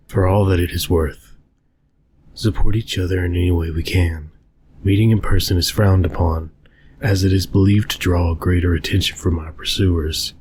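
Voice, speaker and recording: A man narrating a scary first-person story as a hunted survivor, in a haunting, grave and measured way. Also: deep voice, background noise. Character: haunted, fearful survivor hunted by unseen beings.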